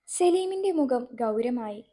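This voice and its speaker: High-voiced woman narrating a story. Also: expressive, takes it slowly, mellow.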